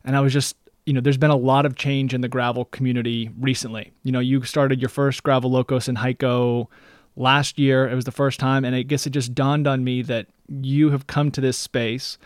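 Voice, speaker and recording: A man hosting a podcast, his voice in an ordinary middle pitch. He talks in a chatty, meandering way. The sound is dry and close, with no room echo. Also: flat delivery, moderate pace. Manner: chatty, meandering questions full of "you know". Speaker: podcast host. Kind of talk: casual interview.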